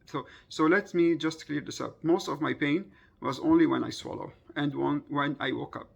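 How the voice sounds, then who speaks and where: A man of about thirty with a husky, gravelly voice, casually recounting a personal experience in a hesitant, circling way. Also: on the high side, moderate pace.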